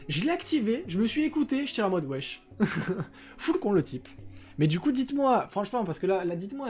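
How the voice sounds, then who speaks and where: The streamer is a young man with a high, darkish voice. He chats casually and rambles on his live stream, full of hesitations and crude slang, using a desk microphone with noise filters.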